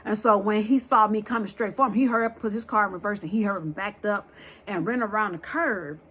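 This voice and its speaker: A woman telling a scary true story to her viewers in a lively, blunt way, talking straight to them and swearing freely. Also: mid-range voice, quick pace, husky.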